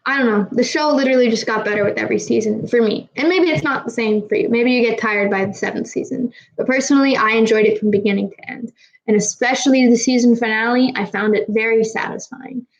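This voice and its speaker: A woman's voice: fairly high pitch, fast, dull audio. A young woman from Kazakhstan, slightly tipsy, chatting casually with a live audience, rambling and swearing freely, with trouble pronouncing her R's. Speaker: streamer answering chat.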